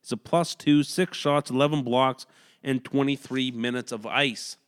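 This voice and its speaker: A man's voice: mid-range voice, steady tone, smooth. A man co-hosting a casual hockey podcast at home, rattling off player stats and laughing often. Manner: reads stats in a quick list, breaks into laughs. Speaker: podcast co-host. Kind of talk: casual sports chat reading stats. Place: home room.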